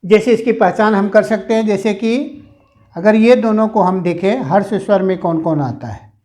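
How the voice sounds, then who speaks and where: This high-pitched, darkish male voice belongs to a teacher in a classroom grammar lesson. His explanation is slow and repetitive, and he stretches sounds aloud while demonstrating.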